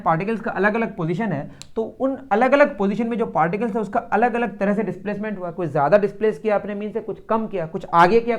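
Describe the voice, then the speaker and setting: A man with an Indian accent teaching a physics lesson, who asks his students questions and then answers them himself. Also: high-pitched. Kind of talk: classroom lecture.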